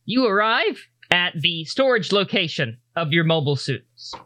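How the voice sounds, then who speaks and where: A man improvising narration as game master of a tabletop game, in a halting, loose way. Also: high voice, big pitch swings, sharp tone, no room sound.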